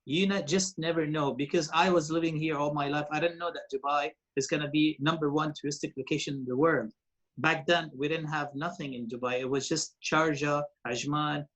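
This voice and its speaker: On a low-quality recording, a man's a-little-high, somewhat bright voice moves fairly quickly with fairly even intonation. The forties-aged radio presenter and TV host, raised in Lebanon with Arabic as his first language, tells casual stories as an interview guest, rambling with fillers and restarts.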